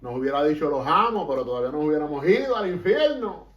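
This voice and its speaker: Speaking fast with a fairly high, expressive voice, a man preaches passionately as pastor, his Puerto Rican accent carrying him back and forth between Spanish and English. The sound is lo-fi, picked up by a distant mic in an echoey space.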